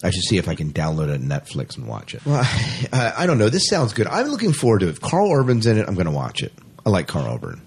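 A fast-talking man with a very low, rather husky voice and huge pitch swings co-hosts a podcast. He alternates between reading news items and casual chat, sharing his opinions with open enthusiasm.

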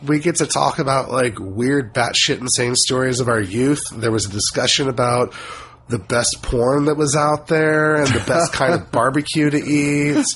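A man with a wheezy, hoarse voice, roughened by a cough, chatting casually as a co-reviewer on a podcast. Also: mid-range voice, normal speed, a bit bright, a little hiss or hum. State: voice affected by a lingering cough.

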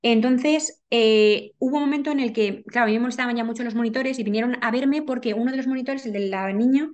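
A woman recounts a personal story as an interview guest, in a rapid, earnest flow full of restarts and repeated words. Her voice sits a little high, and she talks very quickly. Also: darkish tone. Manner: rapid, earnest telling with frequent restarts and repetitions.

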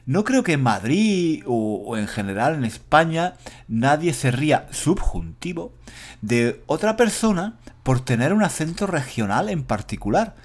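Lively-voiced Spanish teacher from Granada. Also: male voice, a little high. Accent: standard Spanish, faint Andalusian trace. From Granada, Spain. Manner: clear, deliberate, names grammar points aloud. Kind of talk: slow monologue for learners.

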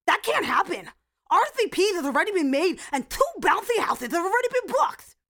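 A woman voicing a seven-year-old boy police captain who is bossy, goofy and excitable. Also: very high voice, fairly quick, full character voice.

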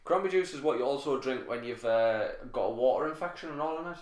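A man's voice: medium pitch, expressive, fast, a little mellow. A man with a north-east English accent, chatting casually and telling stories in a sweary, jokey way. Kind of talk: casual chat. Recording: echoey room.

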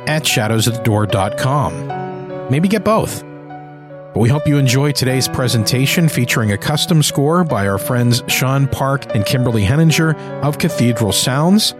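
A man's voice: mid-range voice, lively intonation, moderate pace, music in the background. A man hosting a podcast in a scripted presenter style. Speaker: podcast host and narrator.

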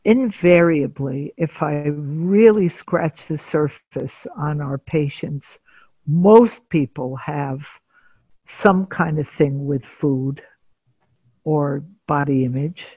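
An older woman, a psychotherapist, telling a patient's story in an interview, measured and pausing often to gather her thoughts. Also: sits low, dark tone, breathy edge, dry recording. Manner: measured, pauses often with filler sounds. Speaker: psychotherapist guest.

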